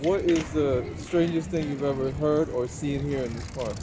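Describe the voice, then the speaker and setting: A man's voice: on the high side, normal speed. A man asking plain, informal questions as the interviewer in a casual street interview. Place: outdoors in a city park. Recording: outdoor city noise, passing traffic.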